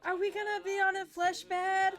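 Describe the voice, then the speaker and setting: A woman with a bright, high voice gives casual running commentary on a game she is playing. She reacts with quick, chatty jokes and asides as she goes. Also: level tone, soft background music. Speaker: game player. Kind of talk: casual let's-play commentary.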